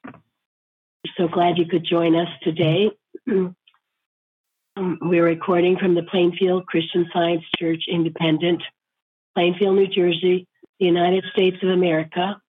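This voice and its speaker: Lady hosting a discussion group, thin squeaky hoarse voice, kinda husky, sounds like a phone call. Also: flat delivery, a little slow, long pauses. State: hoarse, croaky. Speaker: discussion host. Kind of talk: welcoming a roundtable discussion.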